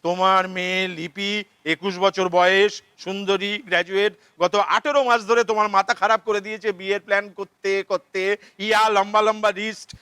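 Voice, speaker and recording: A man's voice: high-pitched, clear, resonant tone, dry recording. A man playing a frantic, ranting father of the bride. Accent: Kolkata Bengali. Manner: ranting, shouting, sarcastic, repeating himself. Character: frantic middle-aged father of the bride, money-obsessed. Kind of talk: theatre play reading.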